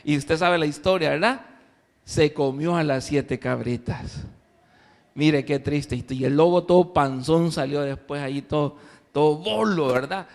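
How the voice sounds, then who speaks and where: A man, a pastor telling a story in a playful, animated sermon, recorded in an echoey church hall. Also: fairly high pitch, unhurried, creaky. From El Salvador.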